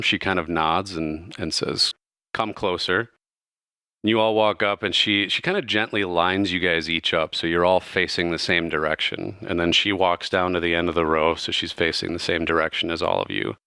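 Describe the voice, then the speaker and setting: Man, deep voice, crisp bright tone, casual tabletop game narration. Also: moderate pace, few pauses, no echo, clean studio sound. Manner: casual, loose, with many fillers. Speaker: game master.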